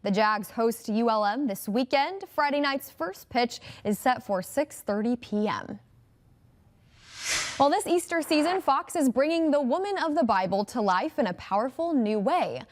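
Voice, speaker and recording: Female TV anchor, slightly high-pitched, brisk and upbeat scripted delivery. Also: expressive. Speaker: news anchor. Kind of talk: scripted news reading.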